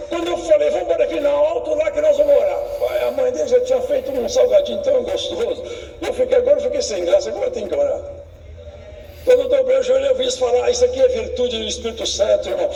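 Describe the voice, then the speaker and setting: A man with a Brazilian Portuguese accent preaching a fervent sermon with personal testimony, swinging from loud exclamations to quiet asides. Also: very high-pitched. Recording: echoey hall from far off.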